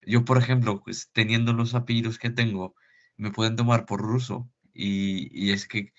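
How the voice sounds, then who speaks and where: A man on a debate panel who gives his opinion hesitantly, with fillers and restarts. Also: medium pitch. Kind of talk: debate talk. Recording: dull lo-fi audio.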